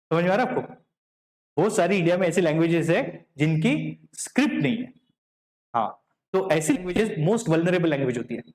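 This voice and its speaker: Lecturer, male, high voice, classroom lecture full of "correct?" check-ins, echoey room. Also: darkish tone. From Vidarbha, Maharashtra. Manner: checks in with the class often, asking "correct?" and "clear?". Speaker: teacher. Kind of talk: classroom lecture in Hindi mixed with English.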